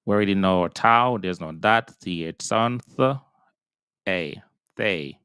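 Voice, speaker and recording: A man's voice: low-pitched, measured pace, fairly bright tone, clean tone, no room sound, clean studio sound. A man teaching Hebrew reading in a patient, step-by-step pronunciation lesson, sounding out syllables and repeating them.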